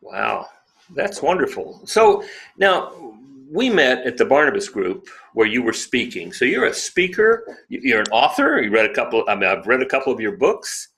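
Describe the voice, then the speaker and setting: A man's voice: mid-range voice, very animated, normal speed, a bit bright. A man hosting an interview show, welcoming his guest and asking questions with enthusiasm. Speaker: podcast host. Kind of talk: conversational interview.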